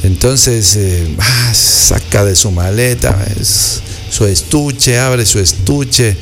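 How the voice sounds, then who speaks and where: Man, an unhurried anecdote teller with a mid-range voice, faint music behind. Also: medium pitch. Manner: unhurried, meandering storyteller. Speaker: guest, an architect. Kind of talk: casual anecdote telling.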